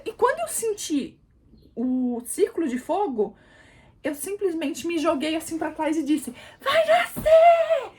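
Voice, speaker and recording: High-voiced animated woman vlogger. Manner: animated, addresses viewers as "gente", demonstrates positions. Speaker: vlogger, new mother. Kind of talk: casual storytelling to camera.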